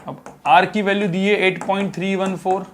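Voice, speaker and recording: A fairly high-pitched young man teaching a physics class in a loose, conversational way. He often stops to check in with his students and drags out words as he writes on the board. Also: flat delivery, a little hiss or hum. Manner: talks while writing on a board, drawn-out words, many filler checks. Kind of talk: casual classroom lecture.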